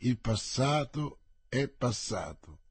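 A man's voice: medium pitch, sing-song, takes it slowly, breathy edge, no echo, heavily acted. A man voicing a suave, reflective male musketeer-priest in an audiobook reading, speaking thoughtfully.

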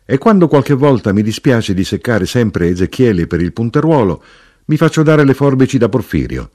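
Man reading doing a chatty knife grinder guy, lively and a bit husky. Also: mid-range voice, moderate pace, voice pushed up. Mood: explaining. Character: plain-spoken working man, a knife grinder.

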